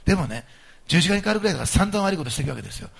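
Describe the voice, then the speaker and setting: A male pastor preaching a sermon to his congregation, emphatic and animated, moving between soft asides and loud stressed points. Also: sits high, rapid-fire, gravelly, husky.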